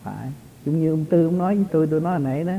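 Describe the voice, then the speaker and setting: A man's voice: a little high, very fast, creaky. A man, a spiritual teacher giving an informal, chatty talk to his followers and chuckling often. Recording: tinny lo-fi recording.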